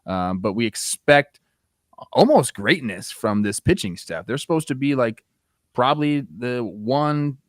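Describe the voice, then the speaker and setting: A man's voice: medium pitch, animated, a little slow, no echo, clean studio sound. A man co-hosting a sports talk show, discussing the game in an informal, conversational way. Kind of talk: casual baseball discussion.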